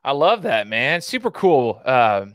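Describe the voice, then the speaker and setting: A man's voice: mid-range voice, very animated, unhurried, no echo, clean studio sound. A man hosting a casual interview podcast, chatting in an enthusiastic, rambling way. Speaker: podcast host.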